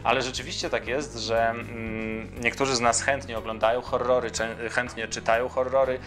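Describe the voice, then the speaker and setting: A man's voice: medium pitch, flat delivery, normal speed, fairly bright tone, soft background music. A man teaching a school literature lesson, reading a story and explaining with fillers and rhetorical questions. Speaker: Polish language teacher.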